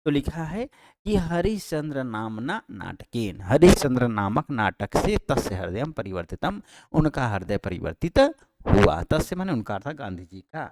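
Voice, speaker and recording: A male teacher talking students through exam answers, explaining patiently and repeating key points, with frequent pauses and self-corrections. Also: mid-range voice, big pitch swings, darkish tone. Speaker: Sanskrit teacher. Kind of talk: exam-prep lesson. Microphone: handheld microphone held close.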